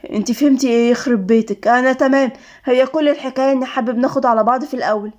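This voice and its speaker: A woman's voice: sits high, steady tone, racing, darkish tone, natural voice. Woman voicing an awkward Egyptian groom. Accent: Egyptian Arabic. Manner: hesitant, embarrassed. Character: nervous, awkward young groom.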